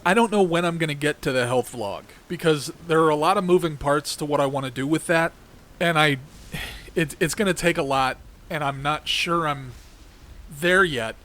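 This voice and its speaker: A man's voice: a little high, a bit bright. A middle-aged man hosting his own show, talking in a rambling, conversational way with a congested voice that keeps cracking. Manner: heated and ranting, then rambling and conversational. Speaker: podcast host. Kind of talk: casual political monologue.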